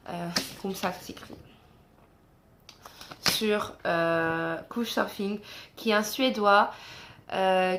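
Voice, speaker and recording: A young French woman, a travel vlogger, chats casually to camera from an indoor guest room, filmed on a phone. Her medium-pitched voice is encouraging and full of fillers, with slight background noise.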